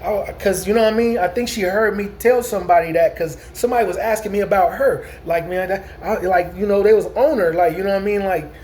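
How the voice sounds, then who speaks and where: A man in his forties, pitched high and a bit dark, speaks fast with few pauses over a slight hiss or hum. He's a vlogger telling a long, rambling story in a casual vlog, often restarting sentences and repeating "you know what I'm saying" to check that his listeners follow.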